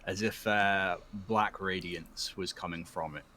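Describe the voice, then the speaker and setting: Low-voiced man running a tabletop game. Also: steady tone, measured pace, bright, forceful tone, slight background noise. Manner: laughs easily, hesitant fillers while describing. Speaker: dungeon master. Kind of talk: narrating a tabletop game over voice chat. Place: online voice call.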